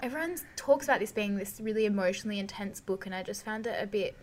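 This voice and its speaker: A woman's voice: medium pitch, quick pace, a little mellow, slight background noise. A young woman co-hosting a casual book podcast, candid and opinionated, swearing freely. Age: young adult. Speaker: podcast co-host. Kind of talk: casual chat about books.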